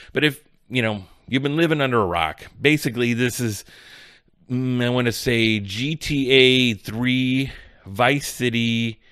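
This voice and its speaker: A man's voice: mid-range voice, a bit bright, clean tone, no echo, studio quality. Man ranting on his gaming podcast. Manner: rambling, exasperated ranting. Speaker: podcast host. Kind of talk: casual solo podcast talk.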